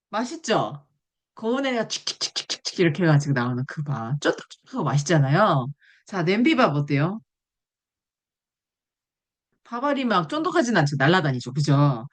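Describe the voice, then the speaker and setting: A woman giving a classroom nutrition lecture, explaining with examples and asking the audience questions. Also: on the low side. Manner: animated, asks the class questions.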